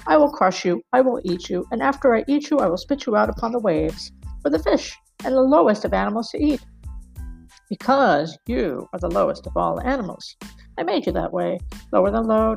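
A woman's voice: medium pitch, creaky, a little mellow, husky, heavily acted. A woman playing a raving club-footed man. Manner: feverish, ranting monologue full of violent images.

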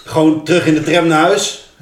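A man's voice: a little high, level tone, normal speed, far from the mic, crowd noise. Een man die als host van een podcast vragen stelt en nuchter en grof een verhaal vertelt. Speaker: podcast host asking questions. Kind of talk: casual chat. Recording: roomy, a bit off-mic.

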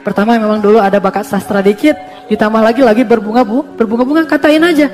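A man's voice: high voice, a little mellow. A man giving a casual religious talk as a preacher, in a playful, joking way. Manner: playful, joking, teasing delivery.

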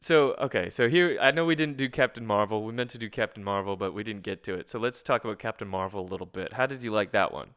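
A man's voice: lowish voice, fast talker, hardly any pauses, fairly bright tone, clear, resonant tone. A young man with a Canadian accent hosting a casual film podcast, talking with enthusiasm and laughing easily. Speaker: podcast host.

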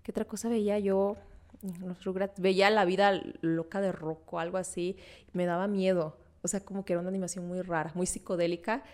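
Her voice is fairly low and a little fast: a young Mexican woman co-hosting a casual, nostalgic podcast conversation. She tells stories in an animated, slangy way, breaking into frequent laughter.

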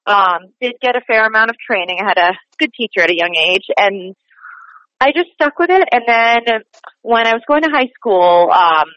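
This is a fairly high, lively-sounding woman speaking at a moderate pace, a young stage performer from Boston, USA. She's a relaxed interview guest, full of fillers and easy laughter, recorded on dry, somewhat dull podcast audio.

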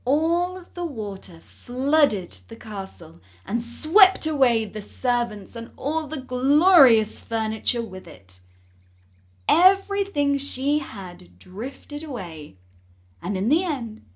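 A woman narrating a fairy tale in an expressive reading voice. Her pitch is high and swings widely. She takes her time over each phrase. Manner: slow, expressive storytelling. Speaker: storyteller.

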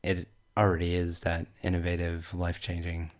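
A man with a broad Kiwi accent speaks in a low, very flat voice. He talks as a panelist in a casual tech discussion, measured and halting as he works through his thoughts. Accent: New Zealand. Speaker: podcast panelist.

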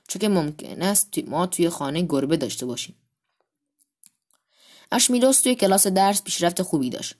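A woman's voice: deep voice, a little mellow. A woman reading a humorous children's story aloud, playfully lifting her voice for the characters' lines.

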